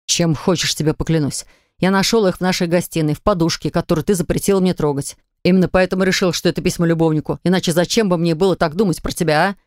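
A woman voicing a quick-tempered young husband, curt and exasperated, in a lower voice in an audiobook. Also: steady tone, a little mellow, dry recording, clean studio sound, close to an everyday voice. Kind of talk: audiobook character reading.

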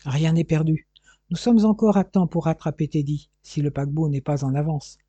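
A man's voice: a little high, fairly even intonation, mellow, husky, dry recording. A man voicing a scheming male bandit who sneers and gives orders in a hurry, on a dull, dry recording. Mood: mocking. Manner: sneering, commanding, hurried.

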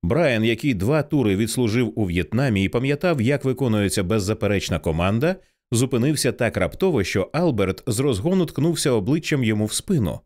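Expressive male audiobook narrator. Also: medium pitch, a little fast, few pauses. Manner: expressive, dramatic reading. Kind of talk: scripted narration.

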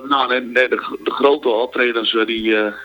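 A man calls in to a radio show as a singer and talks about his music. He speaks at a middle pitch, hesitantly, with many filler sounds and restarts. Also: steady tone, moderate pace, sharp tone, poor audio.

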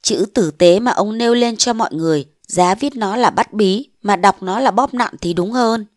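A woman voicing a bold, scheming young wife of a mandarin, defiant and sharp-tongued, in a storybook reading. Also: medium pitch, moderate pace, no echo, studio quality, close to an everyday voice. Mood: scornful.

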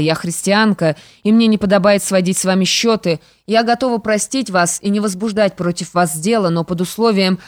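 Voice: medium pitch, dry recording, studio quality, close to an everyday voice. An audiobook reader voicing a proud, stern young woman who speaks firmly and with indignation, yet forgives. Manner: indignant, firm.

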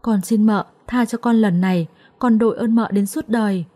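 A woman's voice: medium pitch, steady tone, moderate pace, mellow, close to an everyday voice. A woman voicing a naive young servant girl who begs tearfully. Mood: pleading. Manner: tearful, begging.

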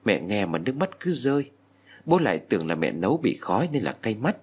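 A man narrating a horror story in a lively, expressive storytelling manner. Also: on the low side, fairly quick, slightly rough.

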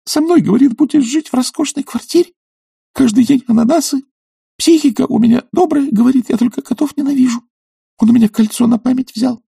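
A naive young woman sobs out her complaints in a shrill, piercing voice, put on by a man. The voice sits very high, with a husky, gravelly grain and a dry, close sound. It is an audiobook reading. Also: brisk, warm tone, no room sound, heavily acted. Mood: complaining. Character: weeping young female typist, naive.

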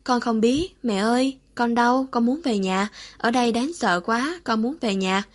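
A woman's voice: on the high side, a little slow. A woman voicing a drugged, tearful young woman who talks like a frightened child, pleading and whimpering.

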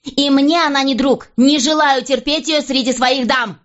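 A woman's voice: lively intonation, normal speed, dull audio, close to an everyday voice. Furious jealous queen, read by a woman. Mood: raging. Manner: shouting, raised higher voice. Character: furious jealous young queen, shrill and scornful.

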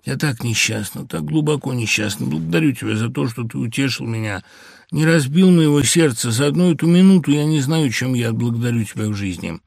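A man voicing a weary, unhappy young wife who speaks emotionally, in a gravelly voice and a dry audiobook recording. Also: mid-range voice, animated, a little fast, dry recording, pitched above the performer's own voice. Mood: tearful.

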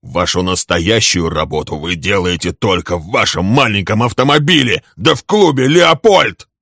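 A man voicing a hot-tempered young man who shouts accusations at a rival in a storybook reading. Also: lowish voice, lively intonation, moderate pace, gravelly, no echo, studio quality, heavily acted. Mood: furious.

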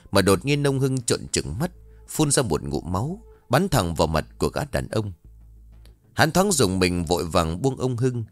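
Male storyteller, low and lively, ghost story narration over faint music. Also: dry recording.

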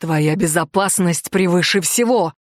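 A woman voicing a stern, cold male prince with a low, menacing hiss. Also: a little slow, dry recording, studio quality.

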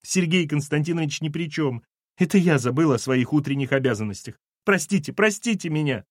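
A man's voice: sits high, big pitch swings, brisk, no echo, clean studio sound, voice pushed up. A man voicing a tearful, fussy woman housekeeper who sobs and apologizes in an audiobook. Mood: apologetic. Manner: sobbing, apologetic.

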